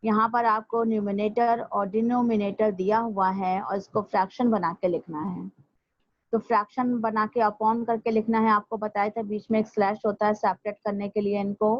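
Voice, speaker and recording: A woman school teacher, patiently explaining a maths lesson step by step and slowing down to repeat things for her students. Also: mid-range voice, little pitch movement, dry recording. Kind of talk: recorded online maths lesson. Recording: dry, dull lo-fi home recording.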